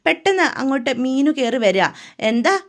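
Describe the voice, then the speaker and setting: A woman's voice: sits high, expressive, fast. A woman casually retelling a serial's story in colloquial speech with frequent tag words.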